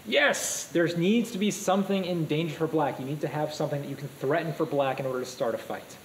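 A man's voice: on the high side, a little fast, a little hiss or hum, low-quality recording. Upbeat man teaching a class. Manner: energetic, asks the class questions. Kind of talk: live classroom lecture. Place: classroom with students.

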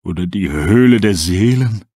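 Man voicing a faint, gasping old wolf, very deep and whispery, storybook. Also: expressive, normal speed, mellow, husky, dry recording, studio quality. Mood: weak, delirious. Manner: weak, gasping and breathless. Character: starving delirious old male wolf.

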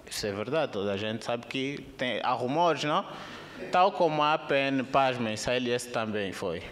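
Animated Angolan comedian on stage. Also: male voice, normal speed. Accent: Angolan Portuguese. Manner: animated, jumps into high squeaky put-on voices. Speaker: stand-up comedian. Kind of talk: stand-up comedy set. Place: theater stage with live audience. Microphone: handheld microphone.

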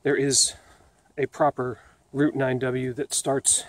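A man's voice: mid-range voice, flat delivery, slow, dry recording. A man in his thirties narrating a casual walking vlog outdoors, talking into a camera held at arm's length, chatty and loose, thinking aloud with fillers. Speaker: video host exploring ruins. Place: outdoor woodland trail by a river.

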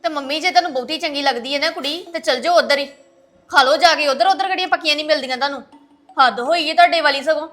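A woman's voice: high-pitched, a bit bright, soft background music. A woman playing an outspoken young daughter-in-law in a family web drama who argues back hard. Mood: defiant. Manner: rapid, argumentative.

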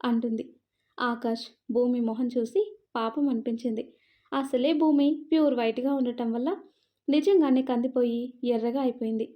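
A woman storyteller narrating a romance story in a calm, even manner on a slightly muffled recording. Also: fairly high pitch, normal speed, long pauses.

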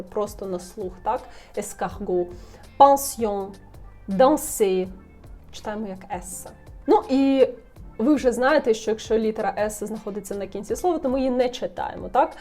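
A young woman teaching French pronunciation, repeating example words slowly and checking in with the viewer. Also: on the high side, mellow. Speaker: French tutor. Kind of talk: language lesson, modelling pronunciation.

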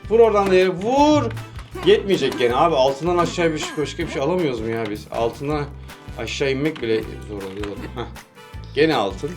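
A man hosting a gaming channel, giving casual gameplay commentary, coaching eagerly with quick cheering commands and laughing often. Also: mid-range voice, animated. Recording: game music playing loudly behind.

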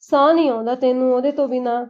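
A woman voicing a sharp-tongued but caring old mother in a village family story, speaking in a blunt, scolding way. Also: high-pitched, steady tone, fast, lightly acted. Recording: dull lo-fi recording.

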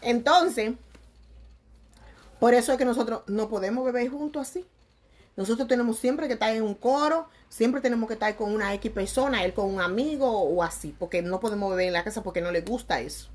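A young woman chatting to her viewers, lively and laughing, with crude slang and sudden swings between loud and soft. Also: fairly high pitch, a little fast. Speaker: vlogger. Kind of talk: casual chat to viewers.

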